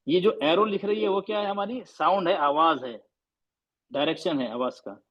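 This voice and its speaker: High-voiced man teaching pronunciation. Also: moderate pace, dull audio. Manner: patient, repeats and quizzes students. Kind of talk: online class on Arabic letter pronunciation.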